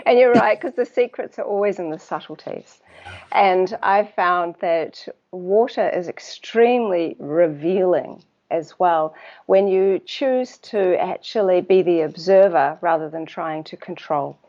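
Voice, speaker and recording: Speaking with a New Zealand accent, a water researcher appears as a guest in a casual interview. Her fairly low, darkish voice comes through dull audio, and she's thoughtful and unhurried, often pausing as she searches for words.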